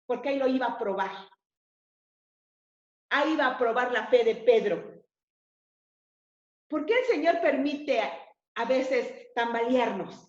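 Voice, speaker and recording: A woman preaching a sermon in a high, bright register. She keeps checking in with her listeners through short rhetorical questions. The sound carries a roomy echo and a slightly muffled, lo-fi quality. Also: expressive, a little slow, long pauses. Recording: echoey, slightly dull room sound.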